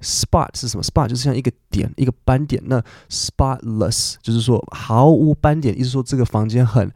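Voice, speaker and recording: A man hosts a relaxed podcast lesson and talks his way through English words, with plenty of fillers. His voice is mellow and warm, in a middle register. The recording is dry and close to the mic. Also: mid-range voice, moderate pace, dry recording. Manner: chatty, explains English words in Mandarin with many fillers. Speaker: podcast host and English teacher.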